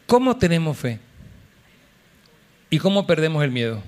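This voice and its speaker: A man's voice: on the high side, big pitch swings, normal speed, darkish tone. A male pastor preaching a sermon at a church service, calling out to the congregation and acting out the voices of people in the story. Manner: impassioned, calls out to the congregation.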